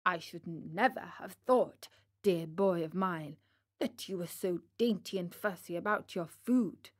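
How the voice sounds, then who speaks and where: A woman voicing a kind, patient old father who gently lectures his son. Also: lowish voice, a little slow, no room sound, studio quality, voice pushed down. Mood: gently scolding.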